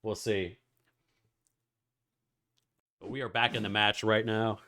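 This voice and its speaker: A man streaming and casting an esports match, giving away codes and calling the plays with excitable play-by-play. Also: lowish voice, slow pace. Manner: excitable play-by-play, rising to shouts. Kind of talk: live game commentary.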